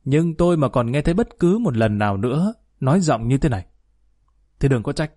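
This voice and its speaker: A stern, wealthy father from a storybook reading, scolding and threatening in a cold voice , as a man reads him. The voice is mellow and dry. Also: medium pitch, big pitch swings, brisk, no echo.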